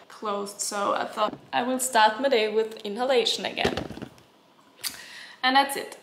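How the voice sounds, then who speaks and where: A woman's voice: a little high, fairly bright tone, a little hiss or hum. A young woman with a sick, congested voice, chatting casually in a daily vlog and laughing often. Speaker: vlogger.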